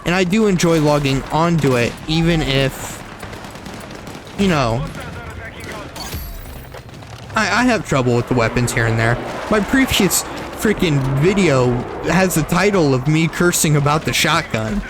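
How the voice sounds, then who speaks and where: Against background noise, a young gaming streamer with a fairly high, animated voice talks non-stop at a moderate pace during a shooter game. His casual commentary rambles and loops back on itself with repetitions and corrections, and there's a slight frog in his throat.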